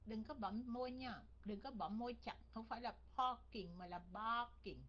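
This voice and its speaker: A woman's voice: fairly high pitch, fairly quick, lo-fi sound. A Vietnamese-speaking woman teaching English online, who coaches pronunciation by repeating words over and over.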